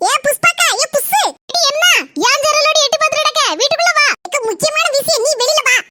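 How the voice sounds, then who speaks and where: A woman voicing bickering village family members in a cartoon comedy, with a Kanyakumari Tamil accent and quick teasing, scolding banter. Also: very high-pitched, very noisy. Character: squeaky village women and men of a bickering family.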